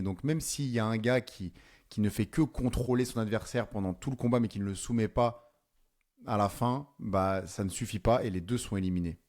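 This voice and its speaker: A man with an accent from France, interviewing fighters in a casual, upbeat way with quick short affirmations. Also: fairly low pitch, a little mellow. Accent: French (France).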